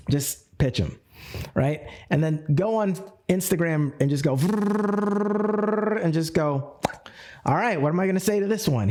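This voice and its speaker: A man leads a live coaching session for network marketers, hyping up his listeners with casual slang. His voice sits on the high side, and he acts out sample phone pitches as he goes. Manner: energetic, hyped, acts out sample phone calls.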